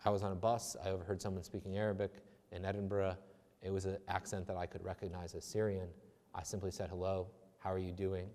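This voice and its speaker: Fielding audience questions during a talk in a chapel, a male theology lecturer rambles conversationally, frequently restarting and poking fun at himself, with long reverb in the recording. He talks fast in a low, flat, somewhat mellow voice.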